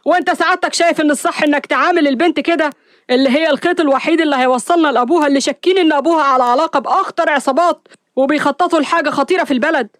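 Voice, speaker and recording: A woman voicing a firm, principled male police officer who answers his superior calmly but defiantly. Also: sits high, racing, dry recording, studio quality, pitched above the performer's own voice, natural voice. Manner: calm, firm, respectful yet defiant.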